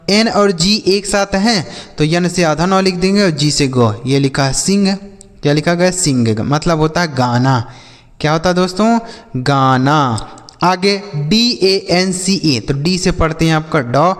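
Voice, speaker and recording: Hindi-accented male teacher spelling words slowly. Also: high-pitched, big-room sound. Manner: spells letters slowly, then asks and answers his own questions. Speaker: English reading teacher. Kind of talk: spelling-out lesson for children.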